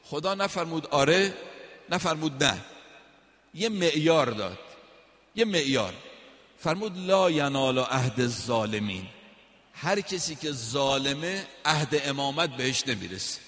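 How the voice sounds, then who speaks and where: A man's voice: fairly high pitch, animated, pauses often, a bit bright. Guy preaching a sermon, chatty storytelling, quotes verses, voice ringing out in a big hall.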